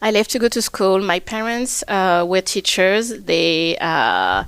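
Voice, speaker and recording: A woman's voice: mid-range voice, animated, measured pace, a bit bright, smooth, no echo. A woman from Reunion Island with a French accent, speaking French as her first language, answering as a photographer on a podcast in a friendly, plain way. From Reunion Island, France. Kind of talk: interview conversation.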